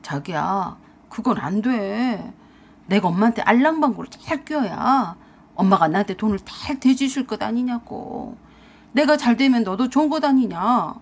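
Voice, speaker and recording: A woman's voice: medium pitch, big pitch swings, moderate pace, slightly rough. A woman voicing a lazy, scheming husband who wheedles and defends himself in a radio-drama story reading. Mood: wheedling.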